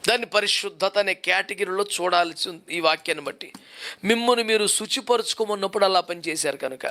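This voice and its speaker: High bright-voiced preaching pastor. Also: male voice, brisk. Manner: fires repeated rhetorical questions, drilling points home. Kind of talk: sermon.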